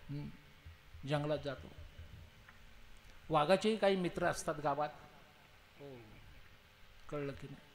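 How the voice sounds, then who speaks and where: A man preaching at a kirtan, telling a story in an animated way and punctuating it with frequent affirming interjections. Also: on the high side, measured pace, vocal fry, pauses often. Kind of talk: devotional storytelling sermon.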